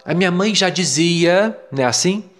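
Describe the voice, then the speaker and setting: A man with a Brazilian Portuguese accent teaching a self-help course lesson, talking in a lively, emphatic way. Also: high-pitched, a little slow, soft background music. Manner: lively, emphatic, mimics parents' voices. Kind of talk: lecture on beliefs.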